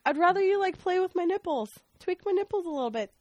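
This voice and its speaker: Giggly high-voiced woman host. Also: animated, quick pace, lo-fi sound. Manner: giggly and blunt. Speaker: podcast host. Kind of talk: crude casual chat.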